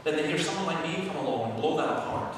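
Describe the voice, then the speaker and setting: A man's voice: a little high, fast talker. Man telling stories in an echoey hall. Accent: Scottish. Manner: animated storyteller, acts out shouting quotes. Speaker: speaker answering questions at a church seminar. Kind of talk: lively anecdotal Q&A talk. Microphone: far camera microphone. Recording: echoey hall from far off, noisy.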